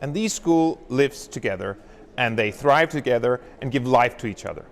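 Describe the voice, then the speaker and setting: Principal's upbeat welcome in a reverberant hall. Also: male voice, medium pitch, expressive, moderate pace, vocal fry. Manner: upbeat, enthusiastic promotional speech. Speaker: school principal. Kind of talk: welcome address.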